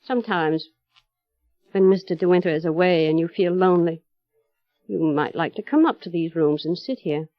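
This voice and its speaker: The female voice is lowish and natural, captured dry, though the old radio recording is muffled and carries music. She portrays a menacing, obsessive housekeeper devoted to her dead mistress in a 1930s radio play. Her delivery is slow, deliberate and coldly insinuating.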